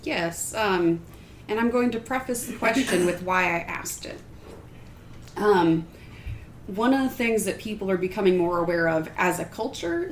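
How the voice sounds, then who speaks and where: A woman speaking on a casual writers' panel, thoughtful and measured, pausing to pick her words. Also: lowish voice, a little hiss or hum. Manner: thoughtful, measured, with pauses and fillers. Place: shared room around a table. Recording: roomy room sound.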